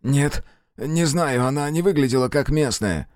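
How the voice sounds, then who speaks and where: A man voicing a frightened, whining male captive who pleads in a high, strained voice. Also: normal speed, a little mellow, no echo, clean studio sound, natural voice. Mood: nervous.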